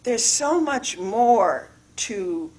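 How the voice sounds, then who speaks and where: A woman's voice: on the high side, animated, very slow, darkish tone, husky. A woman giving an informal, rambling sermon in a church, stressing words and repeating herself. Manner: rambling, repetitive, emphatic. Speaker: spiritual living speaker. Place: church sanctuary.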